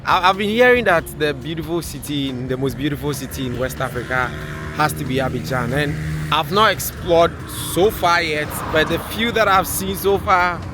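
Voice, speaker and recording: A man's voice: on the high side, moderate pace, noisy background. A man with a Ghanaian accent chatting casually to viewers as a travel vlogger. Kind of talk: casual vlog chat to viewers.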